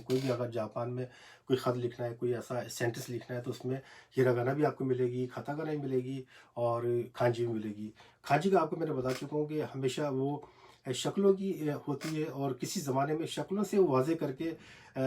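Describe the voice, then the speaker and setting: Husky man teaching syllables, halting. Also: mid-range voice, warm tone. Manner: hesitant, many fillers, repeats syllables slowly. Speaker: Japanese language teacher. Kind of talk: casual home video lesson. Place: small cramped room at home. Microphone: phone.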